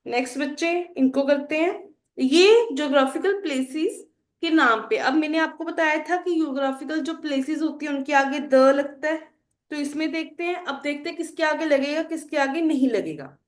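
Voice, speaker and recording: High-voiced woman teacher, echoey room. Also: moderate pace. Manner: asks the class questions and answers them herself; addresses students as children. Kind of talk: explaining English grammar to students. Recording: roomy echo.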